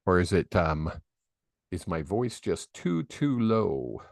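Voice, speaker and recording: A psychic medium hosts a live reading stream, chatting casually and rambling with plenty of fillers into a desk microphone on a video call. His low, gravelly voice is sing-song and slow, with clean studio quality and no echo.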